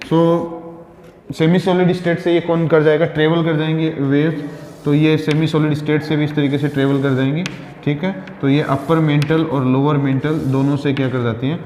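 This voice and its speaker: Slow-talking teacher in an echoey room. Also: male voice, on the high side, a little mellow. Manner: mixes Hindi and English, asks and answers his own questions; frequent fillers, "thik hai" checks. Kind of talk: classroom geography lesson with diagrams. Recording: roomy classroom reverb with faint noise.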